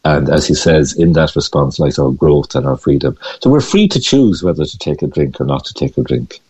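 Very deep, husky older west of Ireland man. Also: animated, brisk, darkish tone. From Galway, west of Ireland. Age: over 65. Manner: hesitant, repeating words as he explains. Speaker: radio interview guest, mindfulness teacher. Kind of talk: conversational interview talk.

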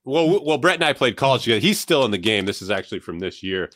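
An actor improvising as an earnest, rambling diaper spa owner, halting and full of restarts. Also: male voice, medium pitch, very animated, a bit bright. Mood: deadpan earnest. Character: man playing an adult-baby diaper spa owner. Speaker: comedy guest in character. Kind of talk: improvised comedy bit.

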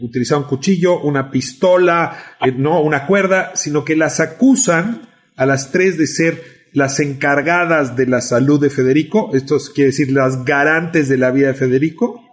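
A man hosting an investigative interview, calmly recapping facts in precise, measured terms. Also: fairly high pitch. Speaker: interviewer and host.

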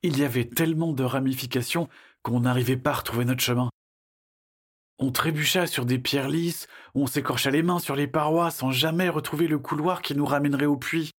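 A man narrating a children's adventure audiobook in a lively storytelling manner. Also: medium pitch, brisk. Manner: lively storytelling, shifting into character voices.

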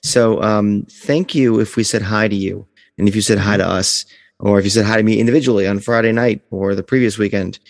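A man's voice: on the low side, fairly even intonation, a little fast, gravelly, dry recording, big-room sound. A man hosting a podcast in a casual, chatty style. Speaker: podcast host. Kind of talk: casual chat.

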